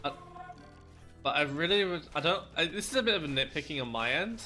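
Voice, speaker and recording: A man's voice: on the high side, animated, brisk, pushed and bright, soft background music. A man commentating a live strategy game match, breaking down plays analytically and laughing often. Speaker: esports caster.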